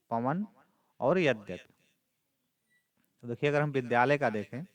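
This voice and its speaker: A man's voice: medium pitch, no echo. A man, a teacher going through a model exam paper, repeating points steadily with frequent fillers.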